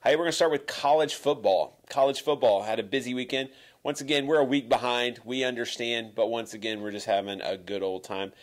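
Brief: male host, casual and jokey, fixes his own slips, average pitch. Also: fairly even intonation, brisk. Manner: chatty, jokey, self-correcting. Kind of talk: casual sports recap.

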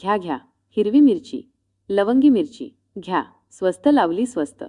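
A woman's voice: big pitch swings, moderate pace, warm tone. A woman voicing a weary middle-aged male vegetable seller who hawks his goods and gives folksy advice. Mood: hawking. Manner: low hawker calls, folksy advice.

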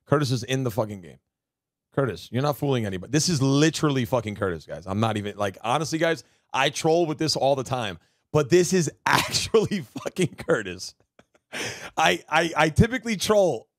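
A man's voice: medium pitch, animated, brisk, no echo, studio quality. A man streaming live, chatting with his viewers and telling stories with lots of swearing. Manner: loud, profane, storytelling, keeps addressing chat. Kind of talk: casual live-stream chat.

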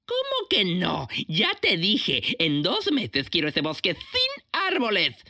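A woman's voice: medium pitch, huge pitch swings, slow pace, pushed and bright, roomy sound, full character voice. A woman voicing a scheming, petulant sock-puppet villain in a cartoon, theatrical, gloating and mocking. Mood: impatient, petulant. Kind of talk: animated series villain acting.

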